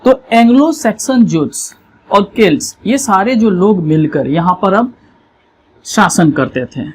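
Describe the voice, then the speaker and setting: A teacher, giving an exam revision lesson over a map, explaining slowly and often checking that students follow. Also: mid-range voice, lively intonation, slight background noise.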